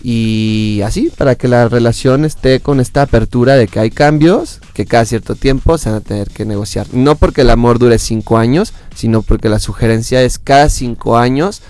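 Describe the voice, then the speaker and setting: A Mexican therapist talking as a guest in a casual chat, explaining calmly with examples and fillers. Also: male voice, mid-range voice, normal speed, few pauses. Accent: Mexican Spanish.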